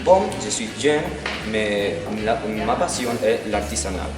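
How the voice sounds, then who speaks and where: A low-voiced man from Italy, whose first language is Italian, answers halting and full of fillers. He is far from the mic in an echoing hall, with music playing behind. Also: animated. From Italy, Sardinia. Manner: halting, many fillers and restarts. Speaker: interviewee. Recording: distant, echoey hall with music.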